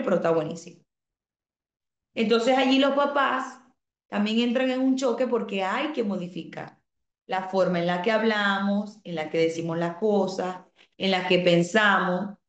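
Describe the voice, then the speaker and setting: A woman teaching an online class at an even, middling pitch. She explains calmly and reads out her students' comments. The room sounds echoey. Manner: asks the class rhetorical questions.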